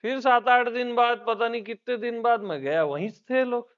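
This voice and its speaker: A man's voice: extremely high pitch, normal speed, highs cut off. A man as a spiritual teacher giving an informal satsang talk, telling stories in a chatty way and laughing often.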